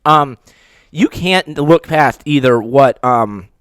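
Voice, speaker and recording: A man talking sports casually as a guest, halting and stammering as his mouth burns from spicy food. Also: mid-range voice, expressive, a bit bright, smooth, dry recording. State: mouth burning from spicy food, struggling to talk.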